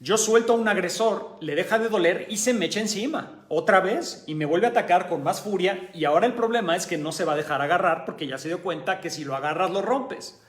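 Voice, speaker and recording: A man's voice: high-pitched, a little fast, hardly any pauses, a bit bright, roomy sound. A man with a Mexican accent, an aikido instructor telling a personal story with emphasis, repeating phrases to stress them. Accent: Mexican Spanish.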